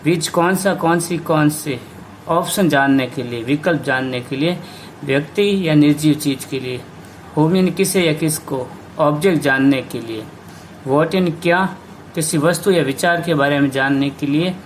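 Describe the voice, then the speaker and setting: A man teaching an English grammar lesson, slowly explaining rules and spelling out words letter by letter. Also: on the high side, slight background noise.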